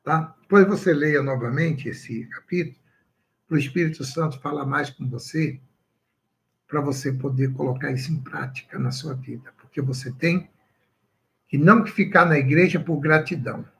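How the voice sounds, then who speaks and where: A man's voice: on the high side, low-quality recording. A man, a pastor preaching a sermon on a livestream and asking his listeners questions.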